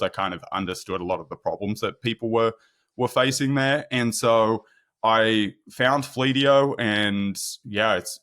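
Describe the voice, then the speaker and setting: On a relaxed podcast interview, a thirtysomething Australian man who works in product marketing management joins as a guest. His voice sits on the low side and is a bit bright, and he's friendly, tending to repeat words when launching into a thought.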